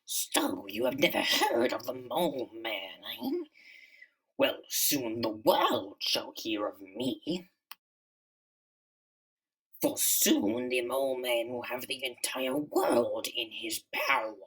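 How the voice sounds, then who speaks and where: A man voicing a bitter, megalomaniac underground comic-book villain in a slow, theatrical, menacing monologue with a whispery rasp. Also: mid-range voice, wildly swooping pitch, a bit bright, distant mic, pitched above the performer's own voice, exaggerated voice, poor audio. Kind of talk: dramatic comic-book reading.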